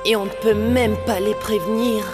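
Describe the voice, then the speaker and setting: A woman's voice: mid-range voice, fairly even intonation, moderate pace, lightly acted. A woman voicing a diligent, anxious elf radio operator in a French children's cartoon, making alert, exclamatory calls. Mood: worried. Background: music.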